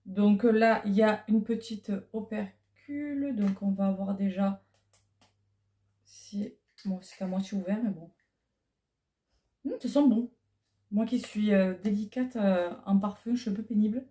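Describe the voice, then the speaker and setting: A woman's voice: medium pitch, steady tone, a little slow, dark tone. A middle-aged woman chatting casually on a clip-on mic, hesitant with many fillers. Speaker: vlogger. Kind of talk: casual unboxing chat. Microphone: clip-on lapel mic.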